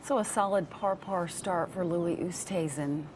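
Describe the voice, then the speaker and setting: A woman's voice: lowish voice, unhurried, darkish tone, a little hiss or hum. A woman hosting a live golf broadcast with concise, orderly commentary. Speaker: lead golf commentator and host.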